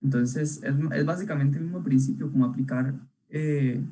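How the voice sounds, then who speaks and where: Relaxed man teaching drawing, husky and mellow. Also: medium pitch, moderate pace, rough recording. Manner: casual, thinking aloud, many tag questions and fillers. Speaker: illustration workshop teacher. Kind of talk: live online drawing lesson.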